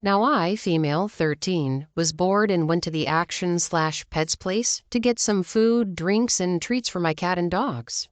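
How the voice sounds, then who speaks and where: Low-voiced woman reading a Reddit story. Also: a little slow, hardly any pauses, no echo. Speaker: story narrator.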